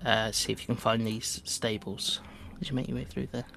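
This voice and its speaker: A man's voice: mid-range voice, fairly even intonation, normal speed, gravelly, fairly bright tone. A man acting as game master, casually narrating a tabletop game.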